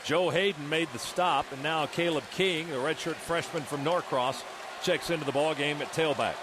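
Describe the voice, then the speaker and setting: An American man works as a radio play-by-play announcer, delivering a football touchdown call. His voice sits a little high, and he describes each play in short running phrases. Heavy stadium noise fills the background. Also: moderate pace. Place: open stadium broadcast booth. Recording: loud stadium noise behind broadcast voice. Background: loud stadium ambience.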